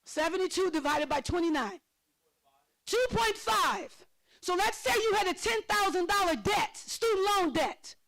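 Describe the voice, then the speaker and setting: Very high-voiced excitable woman presenter. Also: a little slow, vocal fry, rough recording. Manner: lively, calls on audience members by name; excitable, laughs often. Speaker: financial literacy workshop presenter. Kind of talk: interactive workshop teaching.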